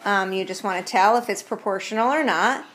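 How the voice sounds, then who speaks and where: Woman teacher going over homework into a tablet at home, middle pitch, laid back, lots of um. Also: brisk, fairly bright tone. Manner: easygoing, explains step by step with frequent ums. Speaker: math teacher. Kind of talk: recorded homework walkthrough. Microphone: tablet built-in mic.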